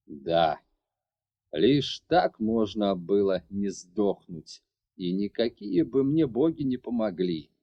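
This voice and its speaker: A man voicing a brooding young mage who insists on justifying himself, low and heavy. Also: sing-song, slow pace, muffled recording, full character voice. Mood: bitter. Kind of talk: audiobook character voice.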